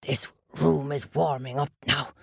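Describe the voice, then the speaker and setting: A woman's voice: sits low, fairly even intonation, creaky, breathy edge, dry recording, studio quality, pitched below the performer's own voice, heavily acted. A woman voicing a sensible, good-natured male dog. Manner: plain, sensible and deliberate.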